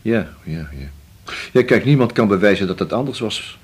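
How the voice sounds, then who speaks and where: An actor playing a shrewd police inspector who questions slowly and keeps humming to himself. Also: male voice, fairly low pitch, animated, slightly rough. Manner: slow, probing, drawn-out with many hums. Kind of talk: radio drama acting.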